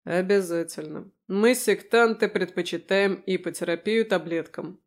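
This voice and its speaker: A calm, curt werewolf man with a dry wit, read by a woman in an audiobook. He answers flatly, in clipped, unbothered phrases. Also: fairly low pitch, moderate pace, close to an everyday voice. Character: calm dry-witted male werewolf in human form. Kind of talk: audiobook character voice.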